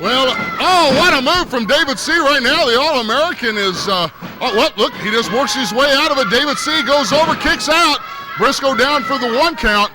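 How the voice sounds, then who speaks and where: A male wrestling announcer with a notably high voice calls the action in a folksy, halting way, full of small fillers. The arena recording carries a steady noisy hiss behind him. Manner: folksy, hesitant with frequent uh fillers. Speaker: play-by-play announcer. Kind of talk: live wrestling commentary.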